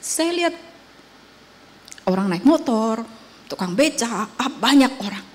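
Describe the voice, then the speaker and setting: A woman's voice: fairly high pitch, animated, a little slow. Woman preaching a conversational sermon. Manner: conversational testimony, shifting between loud emphatic and soft hushed.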